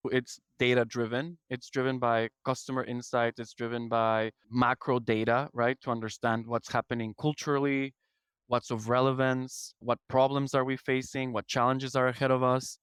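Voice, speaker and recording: This Ecuadorian man in his thirties talks at a normal speed with a medium, fairly flat pitch and a clear, resonant, slightly bright tone. The studio sound is clean with no room echo. As a product executive on a podcast, he answers interview questions conversationally, thoughtfully and articulately, setting out points in sequence.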